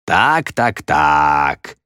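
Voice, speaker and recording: A man voicing a smug stage magician with a slow, drawn-out, mocking showman delivery in a storybook reading. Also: on the low side, very animated, a bit bright, dry recording, clean studio sound.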